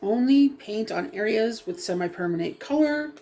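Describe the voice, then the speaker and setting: A woman with a highish, animated, gravelly voice and a dark tone speaks at normal speed, chatting casually on a vlog as she dyes her hair. Hesitant and rambling, she says um often and apologizes for herself, sounding sniffly and froggy from a cough that's hung on.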